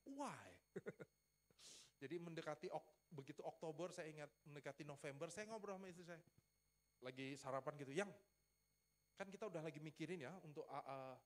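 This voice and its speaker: A male pastor preaching in a relaxed, playful storytelling manner, joking with the congregation and acting out conversations with his wife. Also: on the high side. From Riau, Sumatra, Indonesia. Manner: lively storytelling with playful asides, acts out dialogue. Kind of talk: sermon. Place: church.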